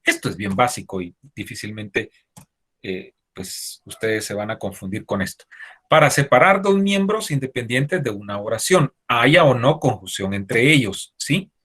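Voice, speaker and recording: A man's voice: mid-range voice, lively intonation, moderate pace, fairly bright tone, slightly rough. A man teaching an online class, explaining step by step and checking in with his students after nearly every phrase. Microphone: video call.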